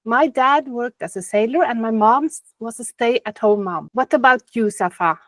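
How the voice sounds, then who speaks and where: A woman from Norway in her thirties, hosting a podcast interview and reading prepared questions in a measured way. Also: a little high, a bit bright, no echo. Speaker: podcast host.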